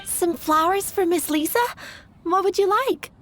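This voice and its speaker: Casting: polite, chatty young shop assistant for a game, girlish and high-pitched. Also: steady tone, moderate pace, a little hiss or hum. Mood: helpful, sweet. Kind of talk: video game character acting. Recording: game music behind voice.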